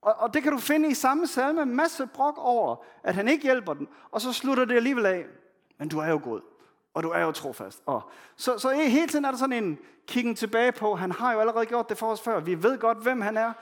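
A man preaching a sermon in a frank, conversational way, reading scripture passages slowly and softly between his own blunt comments. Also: very high-pitched, expressive. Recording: long hall reverb.

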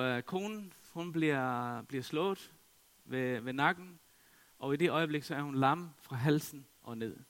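A middle-aged man gives a sermon testimony in a fairly high voice. He tells his story loosely, with plenty of fillers and restarts. The recording is dry and close, with no room sound. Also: a bit bright, clear, resonant tone, no echo. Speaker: preacher.

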